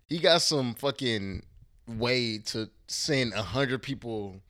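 This podcast guest from Houston, Texas speaks slowly at a medium pitch, with lively intonation and a fairly bright tone. He chats casually in slangy, profane language, frequently drifting off mid-thought while searching for the right word.

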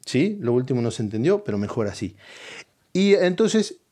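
Middle-aged man, Rioplatense accent, mid-pitched voice, crude rambling stand-up monologue. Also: very animated, normal speed. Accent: Rioplatense Spanish. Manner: crude, rambling and conspiratorial, with sudden loud outbursts. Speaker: comedian. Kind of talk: comic monologue.

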